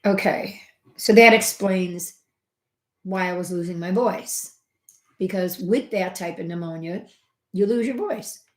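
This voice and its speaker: With a fairly low voice, a little slow and pausing often, a middle-aged woman recounts something from her own life for the health channel she hosts as a homeopath. Her casual, conversational telling to camera is full of fillers and asides, jumping from loud emphasis to soft murmurs, with an echoey room around her.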